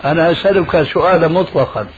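On a call-in radio Q&A, a man acting as a religious scholar answers a caller, pressing him with argumentative rhetorical questions. His voice is a little high and fast, and the muffled lo-fi radio recording has a little hiss or hum.

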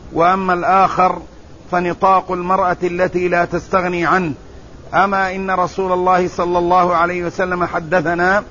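A man teaching a religious lesson, reading hadith and explaining them in a measured, deliberate way, repeating key words. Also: sits high, fairly bright tone. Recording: muffled, slightly lo-fi with faint ambient noise.

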